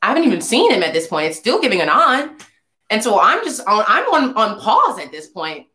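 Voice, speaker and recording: A woman vlogger telling an animated story and acting out both sides of the dialogue. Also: mid-range voice, a little fast. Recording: roomy echo.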